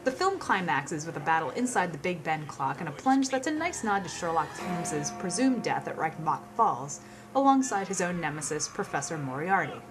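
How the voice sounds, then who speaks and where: A woman's voice: fairly low pitch, very animated, brisk, over music. A woman presenting a scripted film countdown with wry, playful asides.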